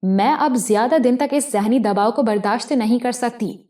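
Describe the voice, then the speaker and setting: A woman voicing a desperate young woman in a criminal gang, tearful and near breaking, who turns to frantic shouting. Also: on the high side, lightly acted. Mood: defiant. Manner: tearful, then screaming in a frenzy.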